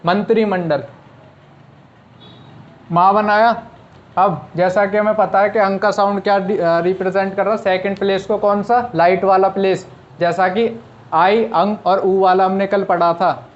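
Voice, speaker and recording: A man's voice: sits high, fairly even intonation, unhurried, dull audio. A man teaching shorthand, explaining step by step with rhetorical questions he answers himself. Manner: patient, asks rhetorical questions and answers them. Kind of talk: explaining step by step in an online class.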